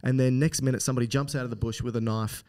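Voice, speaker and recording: A man's voice: mid-range voice, fairly even intonation, very fast, mellow. An Australian man co-hosting a medical podcast, explaining in a playful, casual way with vivid examples. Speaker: podcast co-host, doctor. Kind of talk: casual educational chat.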